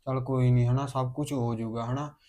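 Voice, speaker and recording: An actor playing a young student brother who gently comforts his crying sister. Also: medium pitch, steady tone, close to an everyday voice. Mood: comforting. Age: young adult. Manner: gentle, comforting, quick-talking. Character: reassuring younger brother, student, easygoing and kind. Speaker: actor in a short family drama. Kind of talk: village family drama.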